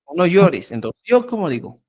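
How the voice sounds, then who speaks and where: A language teacher giving a class, repeating example phrases slowly and checking understanding with frequent "¿ya?". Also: medium pitch, sing-song, darkish tone, slightly rough. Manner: spells out example phrases syllable by syllable. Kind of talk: online class lecture.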